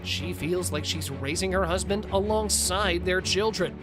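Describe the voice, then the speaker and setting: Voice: medium pitch, a little slow. Scripted recap narrator over prominent music.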